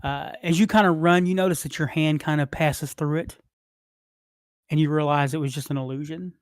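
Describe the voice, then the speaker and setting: A game master narrating a tabletop game in a halting, rambling way with many restarts. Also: mid-range voice, steady tone, no room sound, clean studio sound.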